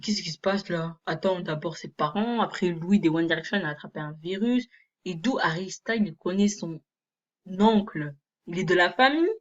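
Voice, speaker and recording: Young woman vlogger, low voice, amused chatter with fillers, lo-fi home sound. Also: normal speed. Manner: chatty, amused, full of fillers like genre and euh. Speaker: video creator. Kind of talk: reading and reacting to fan fiction.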